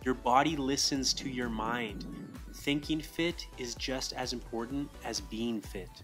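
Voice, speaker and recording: A man's voice: medium pitch, unhurried, over loud music. A man giving encouraging, direct motivational advice on fitness and mindset as a soccer coach. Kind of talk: motivational voice-over.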